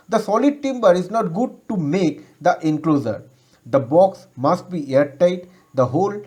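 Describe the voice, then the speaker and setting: In this scripted educational presentation, a man with an Indian accent formally teaches electronics, sounding as though he's reciting a textbook. He has a fairly high-pitched voice with a darkish tone.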